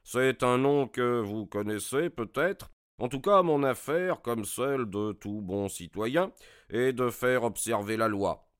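A man's voice: medium pitch, slow pace, clear, resonant tone, no echo, studio quality, voice pushed up. Casting note: Holmes in an audiobook, a composed male sleuth with a lifted, changed tone, done by a man reading the story. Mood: assured. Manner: calm, assured. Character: Sherlock Holmes, calm assured male detective.

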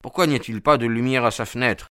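Man playing nervous gentleman, fussy, anxious, hurried, dry close read. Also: medium pitch, clear, resonant tone, no echo, pitched above the performer's own voice, close to an everyday voice.

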